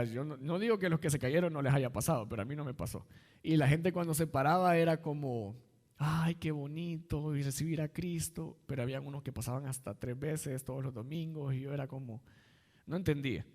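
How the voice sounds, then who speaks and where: A man's voice: mid-range voice, darkish tone, big-room sound. A man, an assistant pastor, preaching a sermon in a conversational way and weaving in personal stories.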